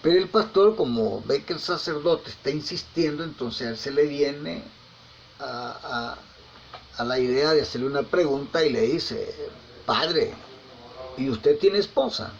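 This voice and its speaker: A man preaching in a gravelly, fairly high voice, telling folksy anecdotes and dropping tag questions as he goes. He often repeats and restarts his words. The recording is a little dull and lo-fi, with faint ambience behind him. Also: unhurried, slight background noise. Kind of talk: conversational sermon.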